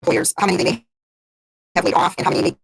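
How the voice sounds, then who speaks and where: A woman council member asking questions in short halting bursts over a video call whose audio keeps breaking up with dropouts. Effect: choppy, breaking-up video call audio with dropouts. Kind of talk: remote meeting question.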